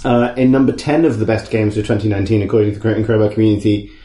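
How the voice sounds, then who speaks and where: A man co-hosting a podcast, reading out a list with jokes, swearing and frequent laughter, a little hoarse. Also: lowish voice, fairly even intonation, very fast, mellow. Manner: jokey, swearing, laughing often. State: losing his voice. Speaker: podcast co-host. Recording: roomy echo.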